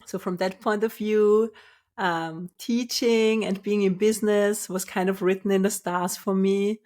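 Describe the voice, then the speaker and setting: A woman from Austria hosting her own podcast, speaking in a calm, measured and soft-spoken way as a spiritual business coach. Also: medium pitch. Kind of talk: scripted solo podcast.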